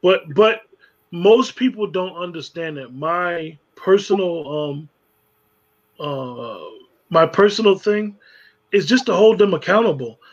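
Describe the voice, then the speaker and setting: A man's voice: high voice, expressive, measured pace, highs cut off. A man in casual conversation, speaking emphatically and repeating words as he builds his point. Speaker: podcast co-host.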